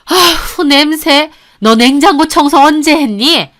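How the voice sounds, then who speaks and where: Stern fault-finding mother-in-law, voiced by a woman, high voice, audio story. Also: a little slow, fairly bright tone. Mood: scolding. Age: older.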